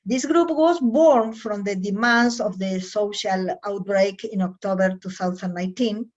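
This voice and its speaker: A woman's voice: mid-range voice, lo-fi sound. Woman giving a careful talk. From Chile. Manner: careful, measured, with frequent fillers and self-corrections. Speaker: academic researcher. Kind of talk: recorded conference presentation.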